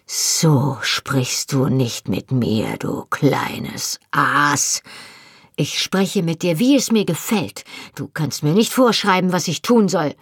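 A fierce young Highland husband, proud and stung, speaks low and rough with passion, as a woman narrator reads him. The voice sits deep and husky, set close and dry with no room sound. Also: lively intonation, normal speed, hardly any pauses, dry recording. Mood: angry.

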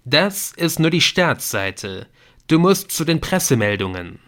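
A man voicing an excitable young man in an audiobook, talking urgently and emphatically. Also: on the high side, unhurried, pitched above the performer's own voice. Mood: excited. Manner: urgent, emphatic, a little brash.

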